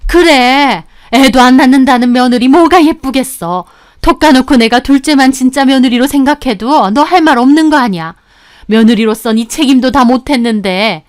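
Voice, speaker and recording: A woman voicing a blunt, scolding older mother-in-law in a told story, speaking with reproach and slow emphasis. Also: sits high, natural voice. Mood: cold. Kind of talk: scripted storytelling.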